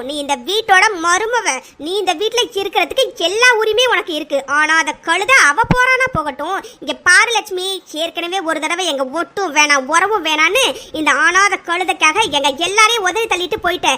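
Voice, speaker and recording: Cruel old grandmother, voiced by a woman: harsh, drawn-out taunts, bright tone. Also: very high voice, expressive, heavily acted. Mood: scolding. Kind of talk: cartoon serial voice acting.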